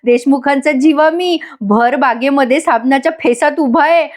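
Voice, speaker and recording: Woman reading a loud melodramatic young husband. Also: high voice, moderate pace, close to an everyday voice. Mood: dramatic.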